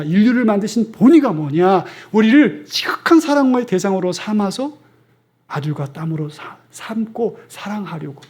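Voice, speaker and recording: A middle-aged man preaching in a church sanctuary, his voice sitting rather high for a man. He speaks conversationally, tossing questions to the congregation. At tender moments he sinks to a hushed near-whisper. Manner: drops to soft near-whispers for tender lines. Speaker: pastor. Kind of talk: sermon.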